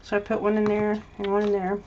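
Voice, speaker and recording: A woman's voice: mid-range voice, completely flat delivery, fast talker, a little mellow, highs cut off, slight background noise. A woman showing her craft project in a casual, rambling vlog, often restarting her sentences. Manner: rambling, hesitant, chatty with many restarts. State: mouth full of candy. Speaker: crafting vlogger. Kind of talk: casual show-and-tell craft video.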